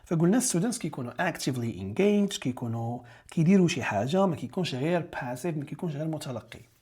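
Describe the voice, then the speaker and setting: A man's voice: on the high side, expressive, fast, a little mellow, slight background noise. A man with a Moroccan Arabic accent teaching an exam-prep lesson, explaining step by step and rephrasing key English terms in Darija.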